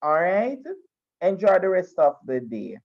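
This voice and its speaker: A man's voice: high-pitched, very animated, unhurried, darkish tone. A man teaching a history class over a video call. He lectures, often restarting and repeating phrases as he explains. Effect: video call audio. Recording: dull lo-fi video call sound.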